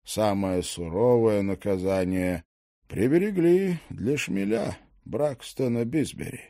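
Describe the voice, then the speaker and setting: Male audiobook narrator, mellow warm tone, expressive lively delivery, dry close studio read. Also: lowish voice, no echo. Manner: unhurried storyteller reading. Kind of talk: scripted narration.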